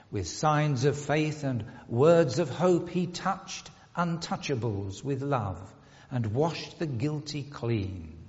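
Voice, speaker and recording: A man leading a communion prayer in a large church, intoning slowly and solemnly, his voice ringing in a long cathedral-like echo. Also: mid-range voice. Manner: slow, measured, solemn intoning. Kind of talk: liturgical prayer recitation. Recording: dull, echoey church recording from afar.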